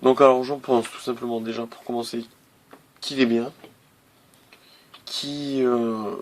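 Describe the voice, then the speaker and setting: A man's voice: medium pitch, steady tone, unhurried, slight background noise. A man casually reviewing a laptop on camera, hesitant, with many fillers and restarts. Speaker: tech reviewer.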